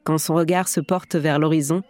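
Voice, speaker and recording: A woman's voice: deep voice, fairly even intonation, normal speed, darkish tone. A woman hosting a podcast, narrating a scripted story in a theatrical storyteller's way. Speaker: podcast host and actress. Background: music.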